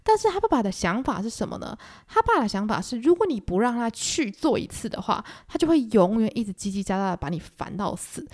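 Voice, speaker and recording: A young woman with a Taiwanese Mandarin accent hosting a casual book-club podcast, chatty and animated. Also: on the high side, a little fast, few pauses. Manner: chatty, animated, acts out the quotes. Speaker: podcast host.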